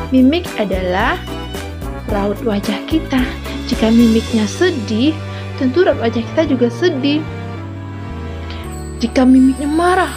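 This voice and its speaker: A woman primary school teacher giving a video lesson to children, explaining gently and prompting with small asides. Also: a little high. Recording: music playing underneath.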